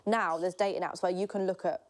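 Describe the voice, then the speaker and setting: Guest: fast-talking woman in her twenties, candid, swears a lot. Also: on the low side, steady tone. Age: 20s. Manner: candid, rambling, swears freely. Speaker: podcast guest, social media creator. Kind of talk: casual chat.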